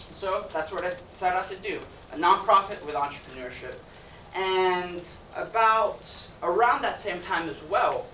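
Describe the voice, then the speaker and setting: A sharp-toned, high-pitched male voice belongs to a young Ecuadorian giving a jokey, upbeat student presentation to an audience in an event hall. Noise and room echo fill the recording, made with a distant mic.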